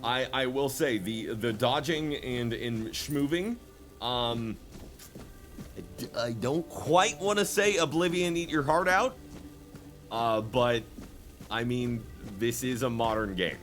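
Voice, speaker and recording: A man hosting a casual let's play with a lively, swinging delivery. He is playful and jokey as he talks through the game, with faint music behind him. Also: mid-range voice, takes it slowly. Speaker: gaming video host.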